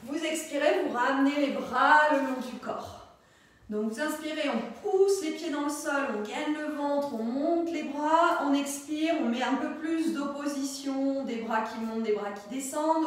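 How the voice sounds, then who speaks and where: A woman teaching a pilates class live, cueing breath and movement briskly with playful asides. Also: high-pitched, a little hiss or hum. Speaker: pilates instructor. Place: studio room with class. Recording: echoey room, mic far off.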